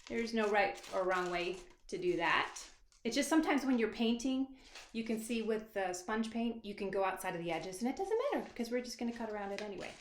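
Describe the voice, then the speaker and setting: In a mid-range, animated, fairly quick voice, a children's author leads a casual, encouraging craft demonstration, walking kids through it step by step without a script. The recording has a roomy echo and faint background noise.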